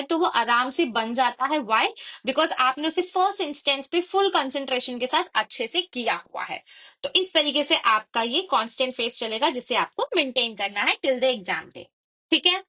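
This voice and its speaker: Young female study coach, high voice, explains a study plan step by step and checks in with viewers often. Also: pushed and bright. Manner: code-switching, repeats points, checks in with the viewer.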